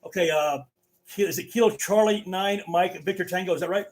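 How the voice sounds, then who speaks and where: Guy hosting a ham radio net, slightly high voice, stumbles and repeats words, casual chat. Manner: halting, repeats words as he goes. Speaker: amateur radio net controller.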